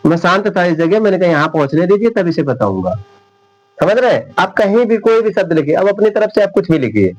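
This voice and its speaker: A man teaching English spelling rules at a whiteboard, repeating each example word slowly and often checking whether his viewers understand. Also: sits high, sing-song, darkish tone, poor audio. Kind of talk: whiteboard classroom lesson.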